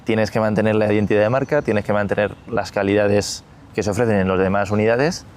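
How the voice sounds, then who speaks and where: Interviewing a guest for a business podcast, this host tends to stack restarts and side remarks before landing on his question. His lowish voice is a little mellow, with fairly even intonation and a brisk pace. There's slight background noise.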